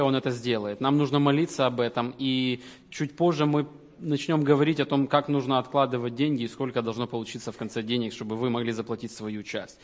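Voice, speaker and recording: A man giving announcements to his congregation as the leader of a church Bible school, earnest and halting, often restarting his sentences. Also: medium pitch. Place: church hall. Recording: reverberant hall.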